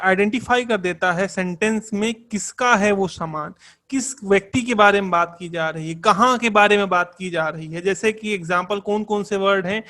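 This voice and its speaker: A high-voiced man teaching English grammar in an online lesson. He explains patiently, repeating key terms and quizzing the class as he goes. His English words carry a Hindi accent. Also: fairly bright tone.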